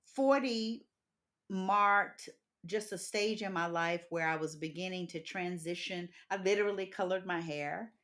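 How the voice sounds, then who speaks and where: A woman's voice: lowish voice, measured pace, fairly bright tone. A woman in her fifties hosting a podcast interview, talking expressively and emphatically and laughing often. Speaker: podcast host. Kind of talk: casual interview chat.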